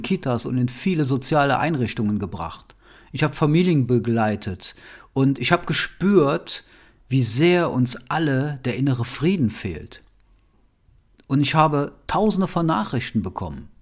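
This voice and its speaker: A man hosting his own podcast as a nonviolent communication trainer, speaking in an earnest, heartfelt monologue that often ends with a soft questioning "ja?". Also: medium pitch.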